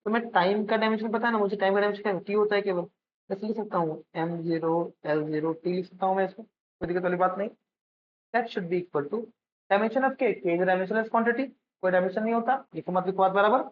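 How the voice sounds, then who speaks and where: A man's voice: high voice, fairly even intonation, brisk. A male physics teacher giving a lecture as he writes out a problem, often asking a question and answering it himself, checking in with his students and calling them by a fond term. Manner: calls students "beta" affectionately. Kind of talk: classroom-style lecture while writing out a problem. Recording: dull lo-fi recording with faint noise.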